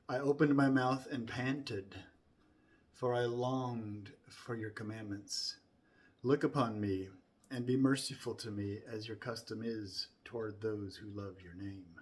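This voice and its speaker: In a medium-pitched voice, a man solemnly recites memorized scripture. He stresses the beginning of each phrase and lets the endings grow softer.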